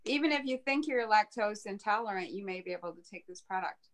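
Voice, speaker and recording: A woman's voice: medium pitch, lively intonation, quick pace. Woman chiming in on a video call. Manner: affirming, chiming in with short agreements. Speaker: co-presenter. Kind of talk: casual chat on a video call.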